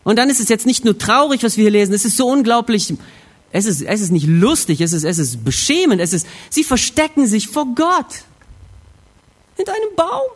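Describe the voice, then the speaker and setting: A man preaching a sermon, retelling a scripture scene expressively and swinging between hushed reflection and emphatic lines. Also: high voice, big pitch swings, fairly quick.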